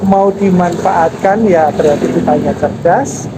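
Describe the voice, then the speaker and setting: A man in his fifties, head of a national park office, answering interview questions in a measured, explanatory way with frequent pauses and fillers. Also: high-pitched. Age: 50s. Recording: noisy background with passing vehicles.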